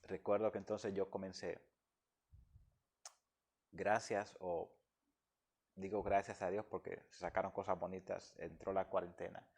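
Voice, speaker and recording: A man's voice: low-pitched, level tone, a little slow, vocal fry, long pauses, a little mellow. A man from the Dominican Republic, speaking as a guest and giving an emotional personal testimony in an earnest, heartfelt way.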